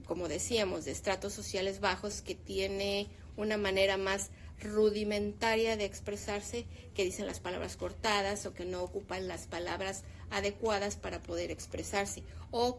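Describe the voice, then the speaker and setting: Woman in her fifties, gravelly edge, opinionated teacher in casual talk, faint hiss behind. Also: medium pitch. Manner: opinionated, animated when making a point. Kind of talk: casual discussion.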